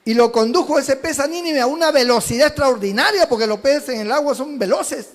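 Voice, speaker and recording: A pastor from Peru preaches with fervour, mixing exclamations with homely family stories. His voice sits very high for a man, and each phrase rings out in a long hall reverb. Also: a little fast. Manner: fervent preaching with homely storytelling, exclamations and asides to the congregation. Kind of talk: sermon.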